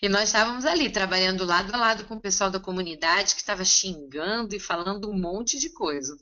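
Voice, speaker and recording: A woman interpreting a seminar consecutively, relaying each line in a steady, conversational way. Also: medium pitch, a little fast, dull audio.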